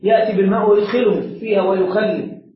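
A man's voice: sits high, steady tone, fast, slight background noise. A man, a sheikh, explaining a religious text step by step and quizzing the seated students in front of him. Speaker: sheikh teaching a religious lesson. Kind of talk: classroom lesson explaining a text. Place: lesson room with seated listeners. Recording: echoey room, dull lo-fi sound.

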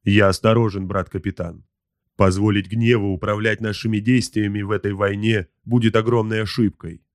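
Man voicing a cautious sergeant, low measured voice, restrained, dry audiobook. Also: flat delivery, no room sound, close to an everyday voice. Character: cautious, level-headed male sergeant. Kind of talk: audiobook character voice.

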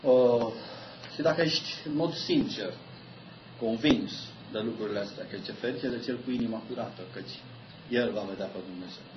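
A man preaching a sermon, telling stories about himself with animated, self-mocking humor. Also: medium pitch, background noise. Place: church meeting room. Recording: echoey church hall, dull lo-fi sound.

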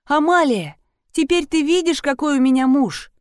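A woman's voice: high voice, animated, moderate pace, a little mellow, dry recording, studio quality, pitched above the performer's own voice. A woman doing a sobbing, desperate young wife. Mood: tearful. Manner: tearful, pleading.

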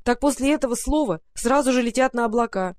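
Measured storybook narrator. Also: medium pitch, a little mellow.

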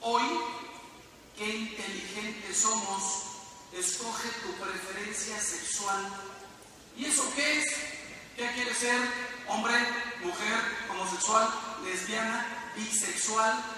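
High, bright Mexican priest in hall. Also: male voice, slow pace. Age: middle-aged. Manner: emphatic storyteller with rhetorical questions. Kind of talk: talk to a live audience. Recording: echoey hall, distant mic, faint hiss.

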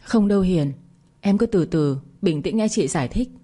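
A woman narrator voicing a spiteful scheming woman nurse who spits out a bitter confession, with a low, mellow and husky voice. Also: lively intonation, moderate pace. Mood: pleading. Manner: shouting confession, bitter and vicious.

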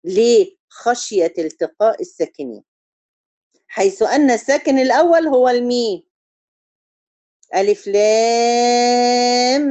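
A Quran recitation teacher with an Egyptian Arabic accent and a warm, mellow, mid-range voice leads a tajweed lesson, explaining each rule step by step and often checking that students follow. She chants long, drawn-out syllables to demonstrate how the verse should sound, in a close, dry recording.

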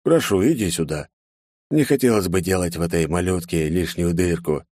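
A man's voice: low-pitched, moderate pace, darkish tone, no room sound, studio quality. A man voicing a sneering terrorist leader who mocks his hostages with theatrical politeness in a story reading. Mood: mocking. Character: gloating masked male terrorist leader.

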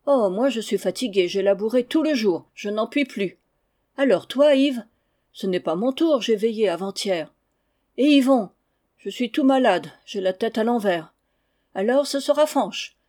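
A woman reading aloud and voicing an excited rustic farmhand, speaking in a raised, eager voice. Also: a little high, a little slow. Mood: bickering. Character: excited farmhand, grown man, rustic and talkative.

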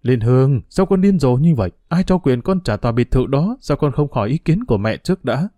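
A man's voice: medium pitch, expressive, brisk, mellow, no room sound, natural voice. A man voicing a stubborn, domineering older mother who scolds her daughter with contempt, in a storybook reading. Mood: scolding.

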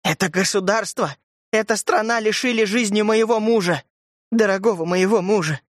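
A man's voice: normal speed, dry recording, clean studio sound, close to an everyday voice. A man voicing a cold vengeful widow. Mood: bitter. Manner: calm, then shrill and hissing. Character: cold vengeful widow, woman, middle-aged. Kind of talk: audiobook character voice.

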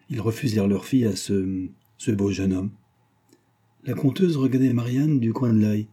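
Dark, husky male audiobook narrator. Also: lowish voice. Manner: measured, careful reading.

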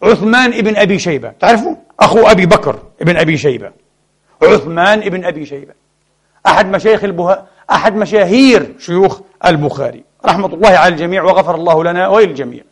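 Fast, high-pitched impassioned male preacher. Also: animated, husky. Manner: impassioned, rhetorical questions to the congregation. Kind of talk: Friday sermon. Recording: mp3 sermon audio.

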